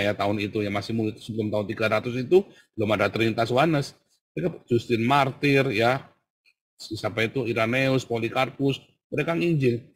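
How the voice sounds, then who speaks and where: A man's voice: mid-range voice, a bit bright. Man teaching in casual sermon style. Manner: conversational, frequent "ya" tag questions. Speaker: pastor.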